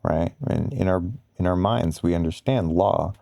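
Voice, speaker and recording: A man giving slow bedtime pillow talk in an ASMR style, explaining ideas in a halting, rambling, casual way with frequent pauses. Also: sits low, creaky, warm tone, no echo, studio quality. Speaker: ASMR content creator.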